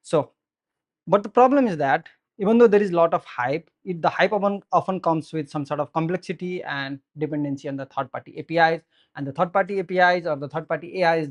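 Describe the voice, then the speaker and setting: Nepali-accented man giving a tech talk. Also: on the high side. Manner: earnest, explanatory, frequent "so" and "uh" fillers. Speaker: software engineer giving a meetup talk. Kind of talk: conference tech presentation. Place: meetup room with audience, indoors. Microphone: handheld microphone.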